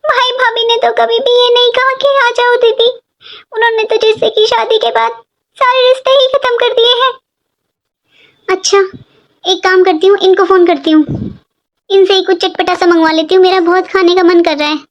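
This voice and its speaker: A performer voicing a sad, pregnant young daughter-in-law who pleads and complains softly in a cartoon story. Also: very high voice, fairly even intonation, normal speed, muffled recording. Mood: plaintive. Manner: plaintive, pleading. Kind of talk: animated cartoon voice acting.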